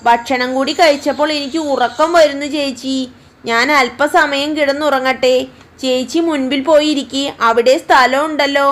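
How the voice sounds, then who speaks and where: Stubborn young woman in a read-aloud story, high and pert, done by the woman narrator. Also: fairly even intonation, moderate pace, fairly bright tone. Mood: drowsy.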